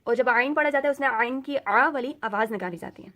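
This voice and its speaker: A woman's voice: on the high side, fairly bright tone. Patient woman teaching letter sounds. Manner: slow, patient explaining, repeating letter sounds for drills; mixes English words into her teaching. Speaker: Quran reading teacher. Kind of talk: recorded tajweed lesson.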